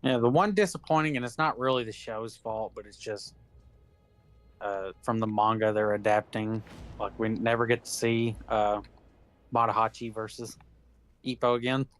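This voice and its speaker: A man's voice: lowish voice, steady tone, normal speed, dry recording. Laid-back swearing guy, laughing often. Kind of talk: casual chat while gaming. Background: game music.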